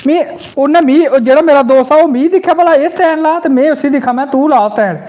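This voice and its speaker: A comedy channel host from Jammu with a Dogri accent tells a funny story on a live stream and reads viewer comments aloud. His voice is very high-pitched and fast. He's an animated storyteller who bursts into quoted voices.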